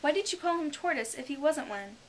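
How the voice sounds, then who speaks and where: Woman as prim, puzzled young girl, raised pitch. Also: expressive, brisk. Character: polite, puzzled, slightly indignant young girl Alice. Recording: hissy home recording.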